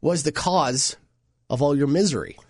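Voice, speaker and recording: A man's voice: fairly high pitch, moderate pace, a little mellow, breathy edge, dry recording, clean studio sound. A man hosting a morning radio show, teasing and joking with his guest in casual chat.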